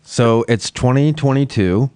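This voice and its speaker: A man's voice: medium pitch, unhurried, a little mellow, smooth, no room sound. A man hosting a casual podcast, teasing his friends and steering the talk. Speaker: podcast host. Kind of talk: casual banter.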